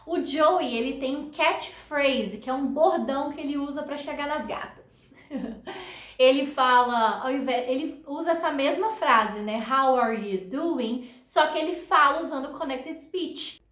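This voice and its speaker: An upbeat Brazilian woman teaches English online, her first language Portuguese showing in her accent. Her voice sits high, and she models short English phrases slowly for learners to repeat. The sound carries a noticeable room echo. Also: fairly bright tone.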